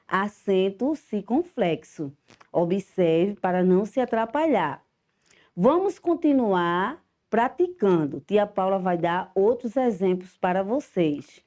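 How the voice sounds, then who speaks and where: A woman's voice: medium pitch, a little mellow. A middle-aged woman teacher with a Brazilian Portuguese accent, giving a home-school lesson to children, affectionate and emphatic, stressing each syllable.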